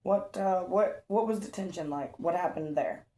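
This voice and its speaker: A woman's voice: lowish voice, normal speed. A woman game master, casually recapping a tabletop session with lots of fillers and swearing. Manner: relaxed storytelling with frequent fillers and profanity. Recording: roomy echo.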